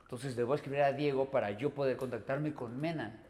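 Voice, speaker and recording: Mexican male podcast host, slangy and profane, medium pitch, reverberant recording. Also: quick pace, darkish tone. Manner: slangy, swears, laughs easily. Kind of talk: casual podcast chat. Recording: hall reverb.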